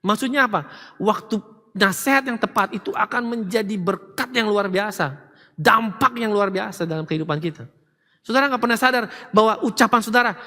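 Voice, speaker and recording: A high-voiced, bright-toned man preaching in a large church hall, his voice ringing with long reverb. He is a middle-aged pastor who talks animatedly and slips into quoted voices of his family. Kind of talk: sermon.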